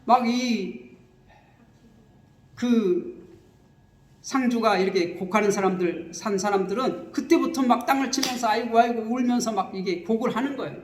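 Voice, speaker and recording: A man preaching a sermon as pastor, explaining scripture with lively repetition and acted-out wailing, recorded in a church. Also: high voice, moderate pace, pauses often. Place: church sanctuary. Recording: echoey church hall.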